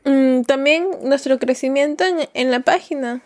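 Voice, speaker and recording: A woman's voice: sits high, unhurried, darkish tone, dry recording, clean studio sound. A woman co-hosting a podcast, playful and teasing in casual chat. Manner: playful, teasing, laughs often. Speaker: podcast co-host.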